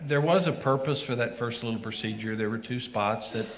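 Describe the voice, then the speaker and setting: A pastor with a brisk, mid-range male voice chats casually about his recent heart surgery, joking and rambling with lots of restarts and filler words. The room is echoey, with faint background noise.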